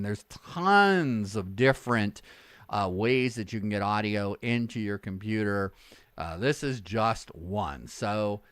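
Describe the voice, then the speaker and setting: A man's voice: fairly bright tone, no room sound. A man, a voiceover artist, casually explaining microphone technique from his home studio on a large condenser mic. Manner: chatty, demonstrative, shifts between plain talk and deep announcer voice. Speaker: voiceover artist and video producer. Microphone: large broadcast condenser mic, moved closer and farther.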